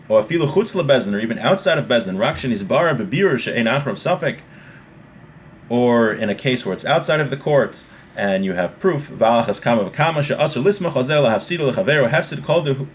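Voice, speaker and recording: In a recording with noticeable background noise, a mid-range-voiced man leads a class on religious law. He shifts from reading the text to talking it through in a conversational way, revisiting points so they come across plainly.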